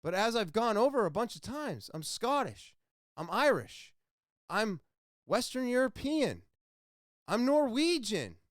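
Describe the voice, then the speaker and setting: A man's voice: very high-pitched, very animated, measured pace, no room sound. Guy ranting on his own podcast, voice all over the place, dry close sound. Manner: impassioned, ranting, then quiet and somber. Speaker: podcast host. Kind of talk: solo opinion monologue.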